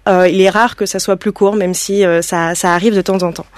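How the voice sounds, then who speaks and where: A woman's voice: mid-range voice, steady tone, a little fast, no room sound. A woman manager at an aid organization, explaining carefully with some hesitations in an interview. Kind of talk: studio interview.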